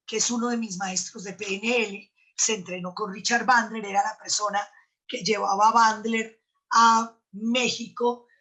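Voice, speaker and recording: A woman's voice: medium pitch, fairly even intonation, moderate pace, bright, forceful tone. A middle-aged woman, an NLP trainer, telling a story in a live talk and acting out both sides of a dialogue.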